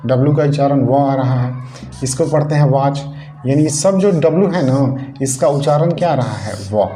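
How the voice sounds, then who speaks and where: In a Hindi classroom-style grammar lesson, a man with a fairly high voice and dark tone explains step by step, repeating key points and quizzing his students. The room is echoey, with faint noise.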